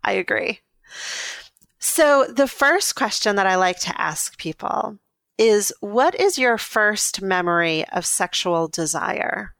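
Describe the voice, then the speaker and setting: A woman's voice: mid-range voice, expressive, takes it slowly, creaky, fairly bright tone. A woman hosting a podcast, giving scripted introductions and asking interview questions. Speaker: podcast host, intimacy coach.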